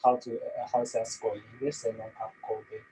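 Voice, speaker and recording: A young man from China, a native Chinese speaker, answering panel questions in halting English and searching for words. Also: lowish voice, flat delivery, mellow, breathy edge, low-quality recording. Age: young adult. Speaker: panelist, 3D effects artist. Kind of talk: casual panel talk.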